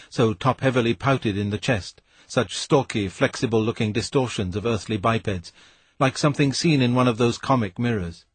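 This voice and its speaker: A man reading a novel aloud as an audiobook narrator, in a measured, steady way. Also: medium pitch, husky, no echo. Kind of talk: scripted narration.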